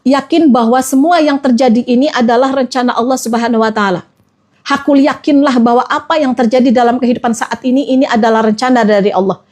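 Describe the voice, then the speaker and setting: A woman's voice: on the high side, fast, a little mellow. A woman, giving an Islamic motivational talk as a trainer and coaxing her listeners with repeated phrases. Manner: repetitive, coaxing, addresses listeners as friends.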